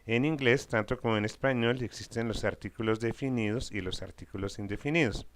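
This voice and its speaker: A man teaching a recorded English lesson for Spanish speakers, explaining slowly and carefully and repeating example phrases. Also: fairly low pitch.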